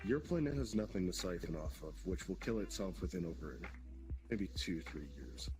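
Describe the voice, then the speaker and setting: In a roleplay, a player with a deep, expressive voice speaks at a moderate pace as a demon king, the ancient creator of monsters, explaining things calmly, patiently and bluntly while occasionally swearing. Background music plays under the in-character dialogue.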